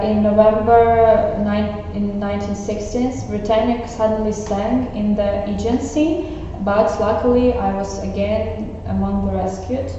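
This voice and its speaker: A woman plays a stewardess who survived a shipwreck, recounting it calmly in a school role-play interview, with some hesitant fillers. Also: mid-range voice, slight background noise, lightly acted. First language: Ukrainian. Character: grown woman, ship stewardess recalling a shipwreck. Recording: echoey classroom, far mic, dull.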